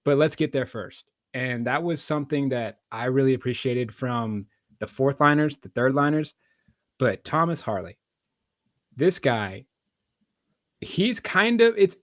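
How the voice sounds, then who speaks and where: A man's voice: mid-range voice, no room sound. Man co-hosting, dry close sound. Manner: conversational, loosely phrased opinions. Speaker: podcast co-host. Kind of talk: casual sports analysis.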